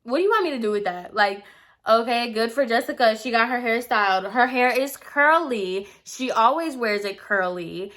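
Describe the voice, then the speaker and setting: A woman's voice: fairly high pitch, animated, moderate pace, fairly bright tone. Exasperated young woman venting a storytime. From Puerto Rican heritage. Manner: exasperated, emphatic, rants with many "like"s. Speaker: beauty vlogger. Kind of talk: storytime chat while doing makeup. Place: at home in front of a camera.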